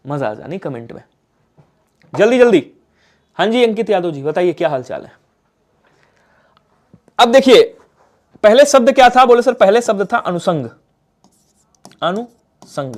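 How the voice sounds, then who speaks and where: A man with a Hindi accent teaching a live online exam-prep class, coaxing the viewers and asking questions that he then answers himself. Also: high voice.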